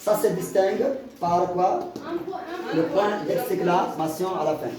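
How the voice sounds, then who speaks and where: A man's voice: high-pitched, measured pace, a crowd in the background. A teacher explains grammar to a class, repeating and restarting his words often as he gives examples. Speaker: French teacher. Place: school classroom. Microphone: far from the mic. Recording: echoey classroom, far mic, student noise.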